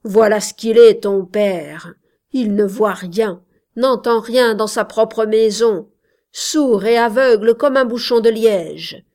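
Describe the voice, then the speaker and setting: A woman voicing a jealous young male shepherd who rants loudly and with scorn, threatening the girl he loves. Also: a little high, expressive, takes it slowly. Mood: shouting, scornful. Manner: loud, ranting, contemptuous.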